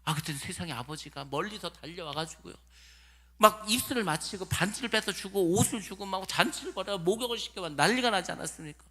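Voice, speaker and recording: A man with a high, piercingly bright voice preaches a sermon. He swings between loud exclamations and hushed, low asides. He acts out the voices of the people he quotes. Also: fast. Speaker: pastor. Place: church sanctuary.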